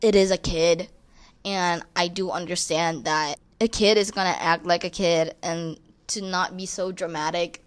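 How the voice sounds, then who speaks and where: A woman's voice: fairly low pitch, steady tone, measured pace, clear, resonant tone, no echo. Blunt, casually swearing woman commentator. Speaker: reddit story commentator. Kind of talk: casual commentary and reading posts aloud.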